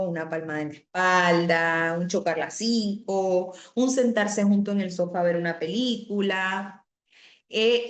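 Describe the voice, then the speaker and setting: Woman teaching an online class. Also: mid-range voice. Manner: explanatory, repeats key words, frequent "o sea" asides. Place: home or office on a video call. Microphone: computer mic on a video call. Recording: roomy video call audio.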